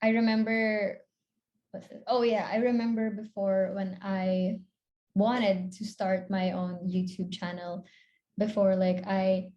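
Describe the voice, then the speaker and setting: A woman's voice: medium pitch, level tone, slow, a little mellow, lo-fi sound. A young woman from the Philippines in her twenties, a content creator chatting casually and giggling as a podcast guest, with a rambling, filler-heavy way of talking.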